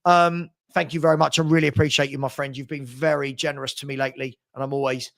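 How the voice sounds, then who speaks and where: Talking fast with vocal fry, a forties-aged man hosts a casual football fan livestream, his medium-pitched voice showing little pitch movement. He reads out viewer comments and answers them in a friendly, matey way, often repeating words while he thinks aloud.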